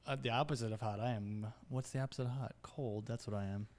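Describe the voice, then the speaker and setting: A man's voice: mid-range voice, steady tone, fast, a little mellow, a little hiss or hum. A man co-hosting a podcast in casual chat, joking and laid-back, laughing between lines. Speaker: podcast co-host.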